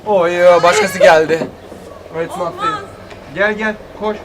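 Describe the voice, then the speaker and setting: A young man bantering casually with friends in an excitable, exclamatory, slangy and teasing way. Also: high voice, unhurried, over a noisy crowd. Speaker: challenge video participant. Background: friends shouting and laughing.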